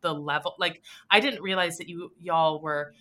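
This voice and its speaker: Brief: woman podcast host, warm enthusiasm, bright tone, low pitch. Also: normal speed. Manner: emotional, enthusiastic, laughs often. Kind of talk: podcast interview.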